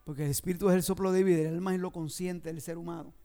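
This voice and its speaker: A man's voice: sits high, fairly even intonation, rapid-fire, vocal fry, dark tone, faint music behind. A male pastor preaching a sermon, emphatic and repetitive, often turning to address the congregation directly.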